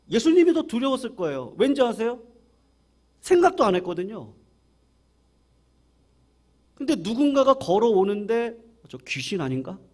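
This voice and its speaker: A male senior pastor giving a Sunday morning sermon at a church service, telling the story vividly and asking the congregation questions. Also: high voice. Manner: animated storytelling, acting out quoted voices.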